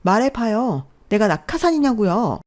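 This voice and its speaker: A woman's voice: fairly high pitch, sing-song, moderate pace, a little mellow, pitched above the performer's own voice. A woman voicing a spoiled, snappy young female news announcer, whining and nagging in a storytelling radio drama. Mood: shrill nagging.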